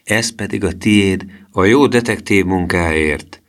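A man's voice: low-pitched, fairly bright tone. A man doing a bossy, fond old grandmother. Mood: tender. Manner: scolding yet tender.

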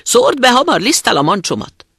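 A narrator voicing a wicked, hungry male wolf in a storybook, sweet and high when luring, loud and growling when threatening. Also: very animated, no echo, studio quality. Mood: demanding. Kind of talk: storybook reading.

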